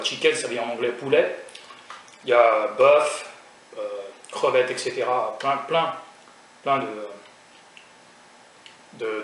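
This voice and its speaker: A man's voice: mid-range voice, a bit bright, recorded from a distance. A young man from France chatting casually in a food vlog, hesitant with many fillers and restarts, joking at his own expense. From raised in France. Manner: self-mocking humor. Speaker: food vlogger. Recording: echoey room, voice from off mic, faint noise.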